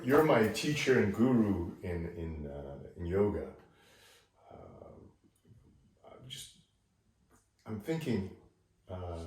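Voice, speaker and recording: A man from Taiwan hosting a relaxed tea session, explaining things in an unhurried, halting way. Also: fairly low pitch. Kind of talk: casual hosted chat. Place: room in Hong Kong. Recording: very echoey, distant mic, faint noise.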